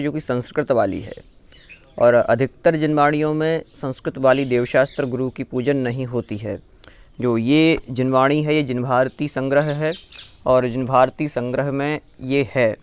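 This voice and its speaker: A man teaching careful pronunciation of a devotional chant, repeating each phrase slowly and then explaining it. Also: mid-range voice, clean tone. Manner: slow, careful syllable-by-syllable chanting with quick spoken explanations. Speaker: religious recitation teacher.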